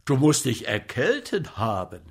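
A man voicing an agitated, boozy male comic actor who fusses loudly over a sick friend. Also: unhurried, husky, heavily acted. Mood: fussing. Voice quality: loud, excitable, high-pitched.

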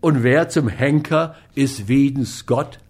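A man voicing a sly, wary gambler who speaks in a slow, knowing way. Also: medium pitch, darkish tone, husky.

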